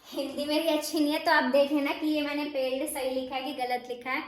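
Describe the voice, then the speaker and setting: This high-pitched woman speaks a little quickly with a flat delivery. She teaches steno, walking through shorthand rules in a relaxed way and repeatedly putting rhetorical questions to her students before answering them herself, all recorded in an echoey room.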